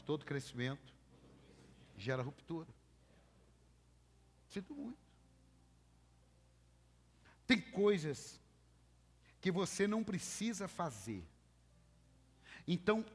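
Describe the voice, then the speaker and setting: A Brazilian-accented man preaching in church, his voice sitting a little high. He drives his points home emphatically and keeps calling on the congregation to repeat after him. The sound carries a long hall reverb. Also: fairly bright tone. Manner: emphatic, calls for congregation repetition. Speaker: pastor. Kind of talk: sermon.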